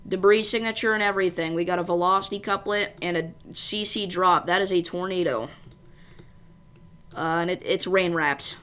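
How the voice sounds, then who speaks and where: A woman with a slightly low voice gives live weather commentary. She hosts the stream informally, reading out alerts and thinking aloud. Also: normal speed, a bit bright, clean tone. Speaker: storm livestream host.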